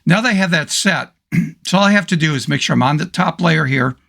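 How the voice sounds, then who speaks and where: A man with a hoarse voice, casually talking through a photo editing tutorial step by step. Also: on the high side, a little fast, pushed and bright. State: hoarse, losing his voice. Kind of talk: screen-recorded software tutorial.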